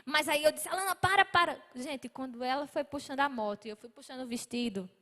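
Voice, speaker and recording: A Brazilian woman preaching a sermon in a church, telling a testimony with passion that rises toward near shouting. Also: high-pitched, brisk, in a large hall. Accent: Brazilian Portuguese. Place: church hall.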